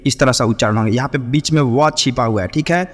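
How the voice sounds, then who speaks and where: A man teaching Vedic chanting, who explains pronunciation in quick bursts and then chants Sanskrit mantras slowly and melodically. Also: medium pitch, in a large hall. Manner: checks in often with short affirmations.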